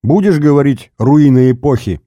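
A man voicing a calm, mocking former agent who threatens an old officer, menacing and cold. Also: mid-range voice, normal speed, no echo, pitched above the performer's own voice, close to an everyday voice.

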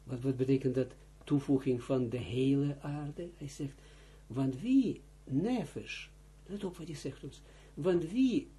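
A man's voice: medium pitch, mellow, breathy edge. A man teaching as a rabbi, reading Hebrew and Aramaic phrases aloud and explaining them in Dutch, often repeating himself and urging close attention. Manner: halting, with restarts. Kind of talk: line-by-line text study lesson.

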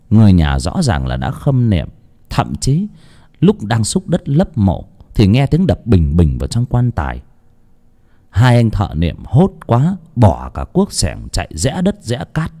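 A man narrating a dramatic audiobook with expressive storytelling. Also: lowish voice, measured pace.

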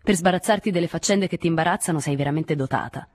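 A curt, impatient young man, read by a woman with a husky, lowish voice. Each line comes out clipped and reproachful, recorded close and dry. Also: fast, a little mellow, dry recording. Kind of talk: audiobook reading.

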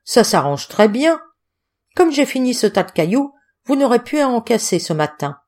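A woman voicing a hungover, grumbling middle-aged male roadman who whines and complains loudly in an audiobook. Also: on the high side, sing-song, moderate pace, voice pushed up. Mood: relieved, chatty. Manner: whining, complaining, loud.

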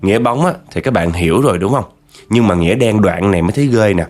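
A man's voice: lowish voice, expressive, quick pace, darkish tone. A man telling a spooky story in a chatty way, talking straight to his listeners. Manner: chatty, addresses listeners directly. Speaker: horror storyteller.

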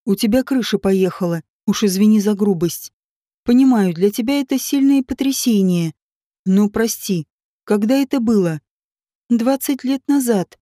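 A woman's voice: mid-range voice, expressive, moderate pace, dark tone, dry recording, studio quality, lightly acted. A woman reading a brash, pushy ex-cop. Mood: coaxing. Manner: blunt, teasing and pushy. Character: man, a brash ex-cop wooing a rich woman. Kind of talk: audiobook character reading.

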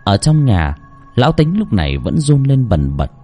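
A man's voice: mid-range voice, big pitch swings, moderate pace, mellow, soft background music. A man narrating a horror story in a dramatic, suspenseful way.

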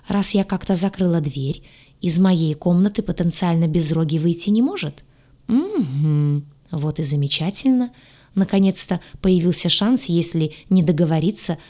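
Lady reading an audiobook, slightly low voice, wry lively first-person telling. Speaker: audiobook narrator.

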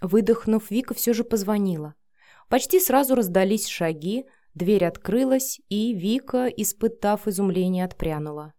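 A woman narrating a story in a steady audiobook reading. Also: medium pitch, normal speed.

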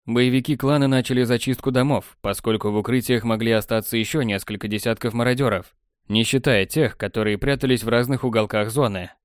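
Steady male audiobook reader, mid-range voice, recorded dry and close. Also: mid-range voice, smooth, dry recording. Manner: even, measured storytelling. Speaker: audiobook narrator. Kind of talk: scripted narration. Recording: dry close studio sound.

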